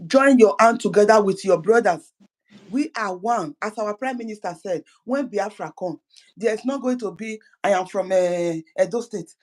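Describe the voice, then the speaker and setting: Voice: mid-range voice, normal speed, low-quality recording. Fervent speaker. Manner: fervent, repeats words and restarts phrases. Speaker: political activist. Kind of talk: impassioned political address.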